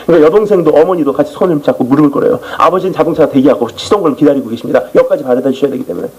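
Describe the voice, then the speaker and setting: Male missionary preacher, lively sermon delivery, somewhat high and husky. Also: rapid-fire, rough recording. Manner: animated storytelling testimony. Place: church.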